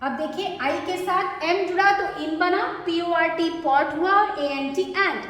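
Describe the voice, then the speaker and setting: A woman teaching English spelling and syllables, stretching out each word slowly as she pronounces it. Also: very high voice, fairly bright tone. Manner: slow, drawn-out pronunciation of each word. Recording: echoey long-reverb room.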